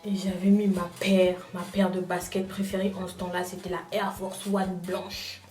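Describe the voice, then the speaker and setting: Young woman chatting a storytime, lively, roomy sound with soft music under it. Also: lowish voice, normal speed, distant mic. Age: young adult. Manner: animated, addresses viewers directly. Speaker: vlogger. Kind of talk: casual storytime.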